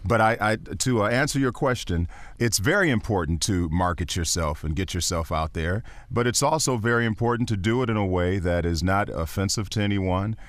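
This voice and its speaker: A baritone-voiced man, a voiceover actor and teacher, speaks as a podcast guest with an earnest, encouraging, emphatic delivery. His pace is brisk, and the studio-quality recording has no echo.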